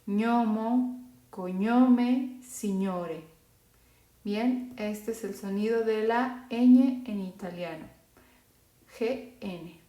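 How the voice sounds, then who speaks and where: Slow, careful woman teacher. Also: mid-range voice, dark tone, reverberant. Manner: slow, careful, repeats example words. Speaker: Italian teacher. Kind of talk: phonetics lesson for Spanish speakers.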